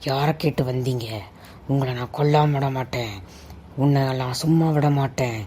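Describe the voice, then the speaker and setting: A woman voicing a vengeful female forest ghost who growls slow threats and cackles in a cartoon. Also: rumbling low, steady tone, mellow, a little hiss or hum. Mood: menacing.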